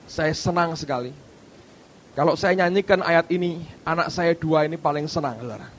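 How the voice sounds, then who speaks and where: A middle-aged male pastor preaching a sermon, emphatic, with sudden loud outbursts and quiet asides. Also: on the high side, moderate pace, slight background noise.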